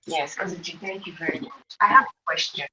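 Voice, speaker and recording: A woman's voice: sits low, brisk, bright, forceful tone, a little hiss or hum. A woman, a student on a video call asking an earnest question, her voice muffled as if heard through a wall. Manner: earnest, repeats herself to be clear. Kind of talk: casual question on an online class call.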